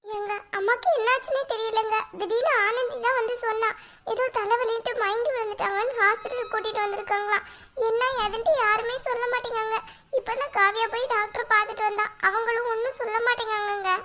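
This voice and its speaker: A woman's voice: very high-pitched, steady tone, quick pace, sharp tone. A woman voicing a weepy, guilt-stricken young wife in a cartoon, talking in a tearful, pleading way. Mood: guilt-ridden. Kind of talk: cartoon voice acting.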